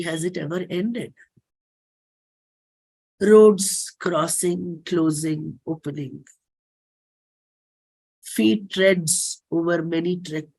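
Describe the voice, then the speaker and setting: With an Indian accent, this performer and singer reads dramatically from a personal play script, deliberately, pausing and repeating phrases. The voice is medium in pitch, darkish in tone and slightly rough.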